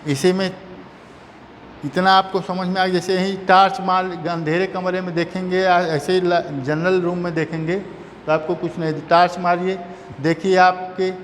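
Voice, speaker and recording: A man a high voice teaches a chemistry lesson, repeating each term and asking his students questions he then answers himself. His voice rings out a long reverb, and a faint hum of noise sits underneath. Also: flat delivery, normal speed. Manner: repetitive, asks and answers own questions. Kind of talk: classroom lecture.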